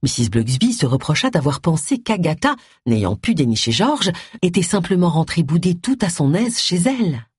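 A woman narrating an audiobook in a calm, measured reading voice. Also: lowish voice, husky, no room sound, studio quality. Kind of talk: scripted narration.

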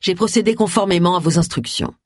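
A reader doing a grave, calm old ex-cop. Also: male voice, sits high, quick pace, no room sound, clean studio sound. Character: grave, calm older male ex-cop detective.

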